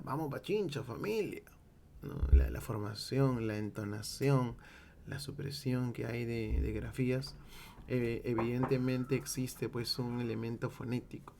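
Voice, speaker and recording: Gravelly Peruvian man teaching. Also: medium pitch, warm tone, slight background noise. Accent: Peruvian Spanish. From Peru. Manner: explains step by step, checking in with "¿ok?" and "¿no?". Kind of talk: classroom-style linguistics lecture.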